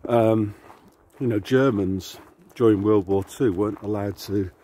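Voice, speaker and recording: A man's voice: on the low side, a little slow, mellow. A man talking casually to camera as he walks to the shops, rambling and sardonic. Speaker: vlogger. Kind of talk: casual talk to camera while out walking. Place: outdoors on the way to the shops.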